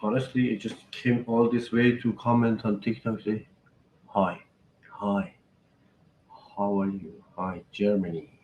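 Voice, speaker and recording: A man from Iran hosting a live podcast stream, chatting casually and haltingly with guests and viewers. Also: fairly low pitch, level tone, darkish tone, roomy sound, muffled recording, slight background noise.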